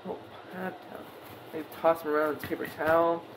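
Talking fast and with little pitch movement, a young man with a fairly high voice hosts a jokey cooking lesson in his home kitchen. He's playful and offhand, speaking to the camera as he works. The background is noisy, captured by the camera mic of a wide-angle camera on the counter.

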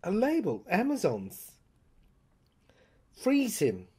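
Her dramatic first-person monologue comes in short, faltering phrases with pauses, in a breathy, husky voice that occasionally sinks toward a whisper. She speaks at a medium pitch with huge swings and a slightly mellow quality.

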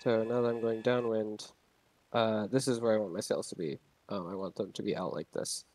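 The recording is rough, and the voice is lowish, steady, a little fast and slightly mellow. It's a young man casually walking through a game's sailing controls in a tutorial, rambling and restarting with lots of filler words.

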